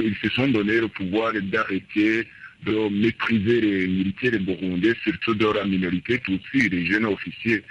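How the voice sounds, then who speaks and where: A young man with a lowish voice delivers urgent testimony as a soldier seeking help. His voice is masked by a voice changer for anonymity. The recording sounds dull and muffled, with faint noise underneath. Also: a bit bright. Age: young adult. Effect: voice altered by a voice changer for anonymity. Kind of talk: recorded testimony for a news bulletin.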